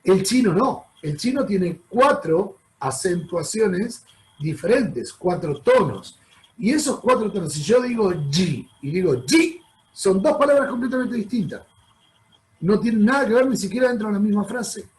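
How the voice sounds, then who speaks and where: A man's voice: high-pitched, expressive, normal speed, low-quality recording. A man with a Rioplatense Spanish accent giving a chatty, explanatory travel talk over slides, often checking in with his audience. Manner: chatty, addresses audience as "chicos"; explanatory, frequent "¿ok?" check-ins. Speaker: travel presenter.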